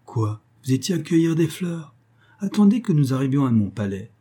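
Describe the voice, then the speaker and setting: A man's voice: a little high, big pitch swings, moderate pace, mellow, breathy edge, pitched above the performer's own voice. A man voicing a boastful underworld king. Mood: coaxing. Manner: coaxing, boastful, persuasive. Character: smooth, possessive male king of the underworld. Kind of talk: storybook reading.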